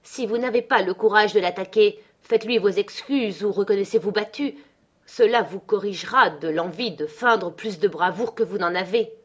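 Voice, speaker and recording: A woman voicing a proud, quick-tempered young woman in an audiobook, scornful and dramatic. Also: medium pitch, fairly bright tone, husky. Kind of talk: audiobook character reading.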